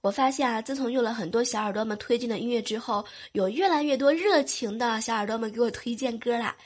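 A young woman hosts a casual podcast, reading listener messages with a playful, teasing, coy delivery. Her voice sits a little high, and her cold and sore throat come through. Faint music plays quietly underneath. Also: fast, slightly rough. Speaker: podcast host.

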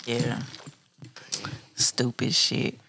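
A man's voice: very slow, bright, forceful tone, a little hiss or hum. A man in casual chat with friends, slangy and profane.

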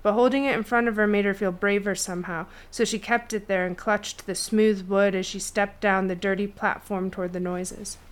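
A woman narrating a fantasy novel chapter in a steady storytelling read. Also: medium pitch, moderate pace, hardly any pauses. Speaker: audiobook narrator. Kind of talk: scripted fiction narration.

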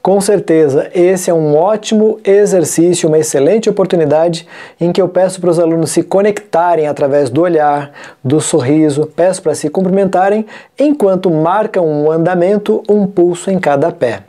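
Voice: medium pitch, moderate pace, dark tone. A music teacher with a Brazilian Portuguese accent, explaining a classroom method step by step and often rephrasing terms mid-sentence.

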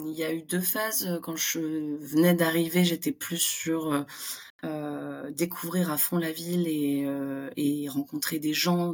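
A young Frenchwoman talking as a guest in a relaxed interview, chatty and full of fillers. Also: low voice. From France. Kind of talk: casual interview conversation.

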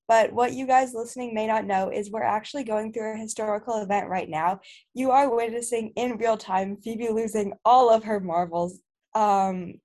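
A woman's voice: a little high, a little mellow. Rambling, joking woman podcast co-host. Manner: rambling, filler-heavy, joking. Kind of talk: casual podcast chat.

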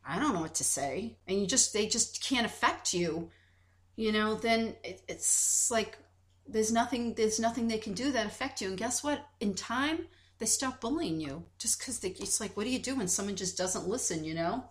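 A woman's voice: on the high side, normal speed. A woman co-hosting a podcast, talking earnestly in casual conversation and retelling a story with many restarts. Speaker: podcast co-host.

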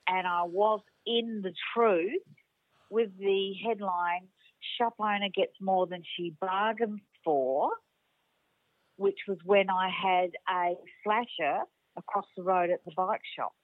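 A woman's voice: medium pitch, takes it slowly, dry recording. Older woman on a tinny phone line. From Australia. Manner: rambling storyteller. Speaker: guest. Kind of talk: casual chat. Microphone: phone call.

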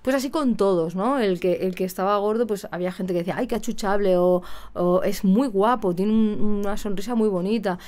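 A woman's voice: medium pitch, a little fast. Chatty woman singing teacher. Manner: chatty, lively, acts out her students' voices. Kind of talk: casual talk to camera.

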